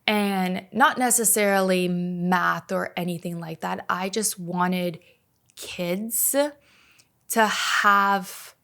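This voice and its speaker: A woman in her thirties, a native Slovak speaker who grew up in Canada, chats casually as a podcast guest. Her voice is on the low side, slow and gravelly. She sounds relaxed and fills her speech with lots of "like" and other filler words.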